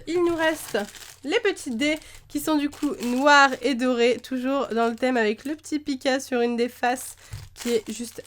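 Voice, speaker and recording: A young woman chatting enthusiastically to camera as she unboxes trading cards, with many fillers along the way. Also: sits high. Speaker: YouTuber opening trading cards. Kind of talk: casual unboxing chat. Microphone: camera mic, face to camera.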